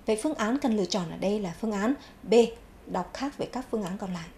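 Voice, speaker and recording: A woman's voice: mid-range voice, expressive, a little mellow, a little hiss or hum. A woman teaching a televised English vocabulary lesson, repeating each English word twice before giving its meaning. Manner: clear, measured classroom delivery. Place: TV studio.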